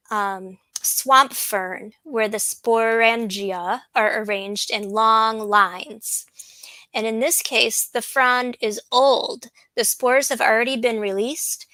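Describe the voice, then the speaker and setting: A woman botanist giving an unhurried slide lecture, with frequent ums and restarts. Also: fairly high pitch, bright, forceful tone, dry recording, low-quality recording. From USA.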